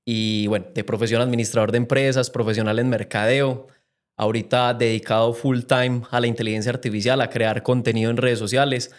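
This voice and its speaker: A young Colombian man from Medellín, a guest on a podcast, tells his story with an earnest, reflective manner. His voice sits at a middling pitch and his delivery stays conversational. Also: little pitch movement, fairly quick. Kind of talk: casual interview chat.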